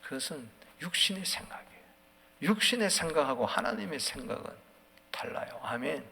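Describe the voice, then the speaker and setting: Fervent preaching pastor in echoing church. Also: male voice, mid-range voice, animated, moderate pace, creaky, slightly rough. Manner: swings from quiet musing to loud fervent preaching. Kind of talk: dawn prayer sermon. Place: church sanctuary. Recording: long church hall reverb.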